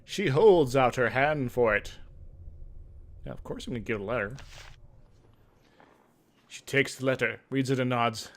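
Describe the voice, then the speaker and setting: With a mid-range voice, a measured pace and frequent pauses, a man hosts a gaming video. He trades dramatic readings of game text for casual, rambling commentary, sounding hesitant in those in-between asides.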